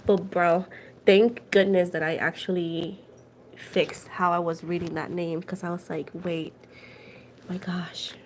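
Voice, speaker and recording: On a laid-back tarot livestream, a woman from Puerto Rico chats with viewers, reads their comments and moves between Spanish and English in her Puerto Rican accent. She speaks unhurriedly in a flat, lowish voice, with slight background noise behind her.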